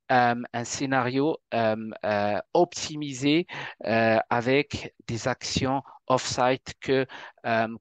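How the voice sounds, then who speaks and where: A professor giving a conference presentation, speaking hesitantly with many fillers and restarts. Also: male voice, mid-range voice, no room sound. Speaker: professor presenting a research platform.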